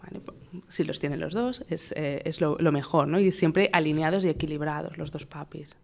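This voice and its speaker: A young adult woman, a guest expert, calmly and patiently explaining parenting with everyday examples. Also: low-pitched, normal speed, vocal fry. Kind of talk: explanatory interview talk.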